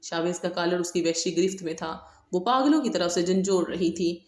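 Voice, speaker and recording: A woman narrating a romance novel as an audiobook, with steady, dramatic storytelling. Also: fairly low pitch. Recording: echoey room.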